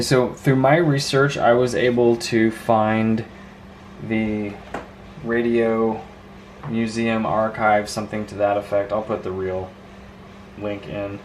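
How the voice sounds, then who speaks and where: In a video, a man with a fairly low-pitched voice acts as a vintage radio hobbyist, showing off equipment hands-on in a loose, rambling way and marveling enthusiastically as he goes. A slight hiss or hum runs under the recording.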